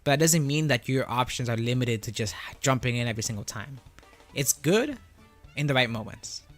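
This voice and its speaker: A man's voice: medium pitch, lively intonation, brisk, fairly bright tone. A man whose voice runs through a voice changer, chatting casually as a gaming streamer and explaining things, often checking in with "right?" and "you know?". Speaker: livestreamer answering chat about a fighting game. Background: music.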